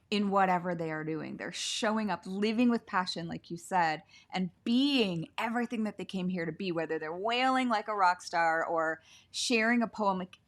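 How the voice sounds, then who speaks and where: A woman hosting an interview over a video call, talking in an effusive, gushing way, often saying "like" and laughing. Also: medium pitch. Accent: Canadian. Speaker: podcast host. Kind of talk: warm conversational interview. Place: sitting on the floor at home.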